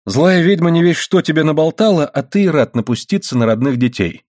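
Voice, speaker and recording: Man doing stern sarcastic mother, firm, reproachful, lively intonation, dry sound. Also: on the high side, a little fast, no echo, pitched above the performer's own voice. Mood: sharp scolding. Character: stern, sharp-tongued miner's wife and mother.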